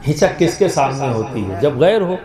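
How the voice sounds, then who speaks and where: A man's voice: a little high, big pitch swings. A man preaching a sermon to a large gathering, asking questions and pushing the audience to answer aloud. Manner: rhetorical, coaxes the crowd to answer aloud. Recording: echoey venue with loud crowd.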